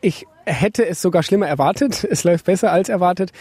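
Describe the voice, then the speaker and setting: Male workshop leader, slightly high voice, casual, hesitant. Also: brisk, darkish tone, slightly rough, dry recording. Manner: hesitant, with fillers. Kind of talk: casual interview answers.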